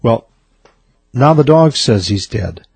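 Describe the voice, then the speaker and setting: A man voicing a calm young biologist speaking plainly and patiently in a joke. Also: mid-range voice, slow, creaky, slightly rough, no echo, full character voice. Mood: matter-of-fact. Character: calm, matter-of-fact young male biologist.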